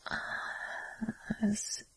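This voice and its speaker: A young adult woman speaking in a soft, breathy whisper, recording an intimate personal audio. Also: very slow, dry recording, poor audio. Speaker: audio creator.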